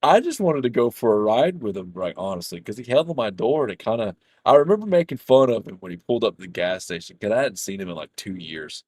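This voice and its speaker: Deep-voiced, profane man storyteller. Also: animated, fast, few pauses, a little mellow, breathy edge, no echo. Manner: profane, rambling, laughs through his own anecdote. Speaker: gaming streamer. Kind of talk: casual storytelling while gaming.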